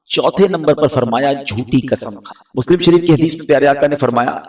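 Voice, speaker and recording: A man preaching a sermon with passion, rising to loud peaks and dropping to low pleading tones. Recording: echoey hall, voice from far off the mic.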